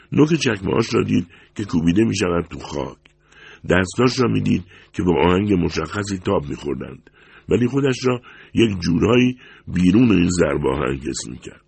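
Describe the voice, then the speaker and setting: Deep gravelly guy narrating an audiobook, dead dry mic. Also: darkish tone, dry recording. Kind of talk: story narration.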